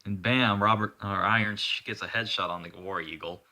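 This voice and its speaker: A man's voice: lowish voice, fairly even intonation, brisk, sharp tone. A man narrating an improvised action story in a rambling, profane way, often correcting himself.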